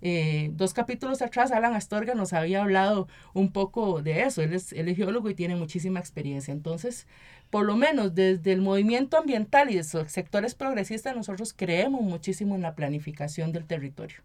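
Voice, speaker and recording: With a mid-range, slightly mellow voice, lively intonation and a somewhat fast pace, she gives earnest explanations as an interview guest. She's an environmental activist and municipal council member speaking Costa Rican Spanish, frequently adding short tag questions.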